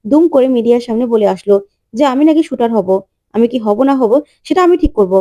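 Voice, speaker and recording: A woman's voice: fairly high pitch, animated, fast talker. A woman voicing a furious defiant teenage girl. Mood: angry, shouting. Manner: sharp, indignant, rising to shouts.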